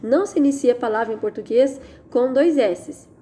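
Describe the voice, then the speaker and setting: Brazilian lady teacher going through exercises, kinda high but mellow voice, faint noise behind, keeps checking you got it. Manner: patient, checks understanding with tag questions; slows down to stress key sounds. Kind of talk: recorded online Portuguese lesson.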